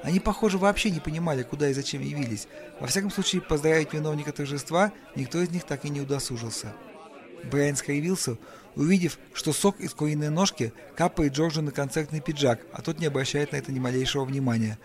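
A man reading an audiobook in a measured, lightly ironic storytelling manner. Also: a little high, a little mellow. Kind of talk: audiobook narration.

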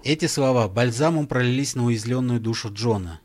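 A man narrating a story in a measured, storytelling manner. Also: medium pitch, darkish tone. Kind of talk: audiobook narration.

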